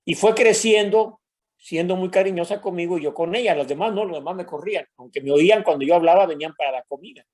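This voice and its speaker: A man's voice: high-pitched, fast, a little mellow. An older man from Mexico with a Mexican Spanish accent, a pastor telling a personal story in a sermon and addressing the congregation as brothers.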